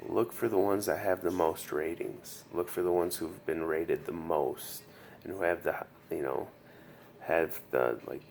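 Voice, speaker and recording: Man, post-surgery patient doing a casual video diary. Weary, earnest, very slow delivery with fry, faint background noise. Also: deep voice. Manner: earnest, halting, repeats himself. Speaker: patient sharing his recovery story. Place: hospital room. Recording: noticeable background room noise.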